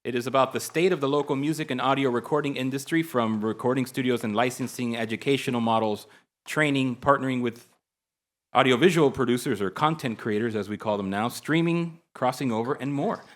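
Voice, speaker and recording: A man's voice: mid-range voice, a little fast. A man moderating a conference panel, introducing the guests in an upbeat, joking way. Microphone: shared handheld mic.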